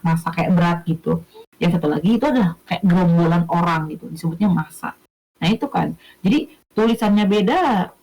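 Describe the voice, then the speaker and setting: Teaching a casual online lesson, a young woman chats along, pausing often to ask whether listeners follow and correcting herself as she goes. Her voice is lowish and darkish, and the recording is rough.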